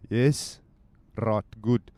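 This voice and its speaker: A podcast host chats from inside his car while driving, rambling casually and teasing in a mock-stern way. His lowish, dark voice stays fairly even and draws words out. He uses a handheld mic with headphones, and there's no room sound.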